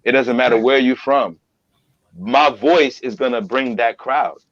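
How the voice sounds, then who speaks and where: A man from a Trinidadian family chats casually as a guest; he's a voice-over performer and business owner. His mid-range voice is a little slow with no echo, he often repeats words and phrases for emphasis, and the lo-fi recording sounds dull.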